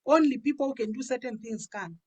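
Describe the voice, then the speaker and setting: Speaking a little high and fairly quickly, an African woman in her 50s shares her personal testimony on health and business, pastor-style and conversational. She keeps repeating phrases for emphasis, and the audio carries a little hiss or hum.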